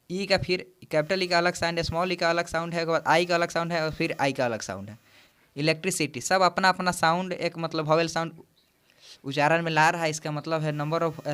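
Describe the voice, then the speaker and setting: Male exam-prep tutor with a smooth, raised voice, who explains step by step. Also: fairly high pitch, fairly bright tone. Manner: explains slowly, counting aloud, mixing English terms into Hindi. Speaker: teacher.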